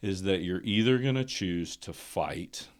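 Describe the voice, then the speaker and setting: A man in his forties hosts a casual podcast conversation with a very low, deep voice. He talks reflectively and builds toward emphatic points. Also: lively intonation, unhurried, clear, resonant tone. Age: 40s. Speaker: podcast host.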